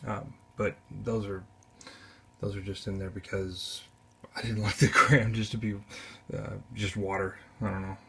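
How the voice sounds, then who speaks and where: Male hobbyist, low gravelly voice, loose off-camera vlog commentary, halting and self-correcting, home bedroom on a camera mic. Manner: relaxed, halting, with many restarts and self-corrections. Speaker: aquarium hobbyist. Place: spare upstairs bedroom at home.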